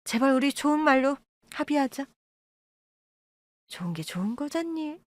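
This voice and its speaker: A woman's voice: lively intonation, normal speed, dry recording. A woman voicing a scheming middle-aged birth mother who whines, pleads and flares up indignantly, in an audio drama. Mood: wheedling. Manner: wheedling, indignant, talks in high pleading bursts. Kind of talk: Korean audio-drama acting.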